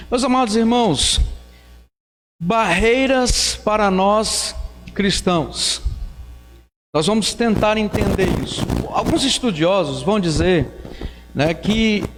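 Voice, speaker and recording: A man's voice: sits high, big-room sound, background noise. A man preaching a Bible study in a conversational way, with fillers and rhetorical questions to the congregation. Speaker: pastor. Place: church.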